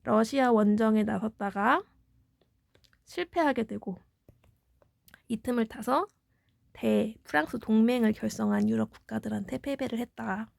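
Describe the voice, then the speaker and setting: Gravelly-voiced woman teaching history. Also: on the high side, a little slow, long pauses, no echo, clean studio sound. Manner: explanatory, poses questions then answers them. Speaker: middle school history teacher. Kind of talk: exam review lecture.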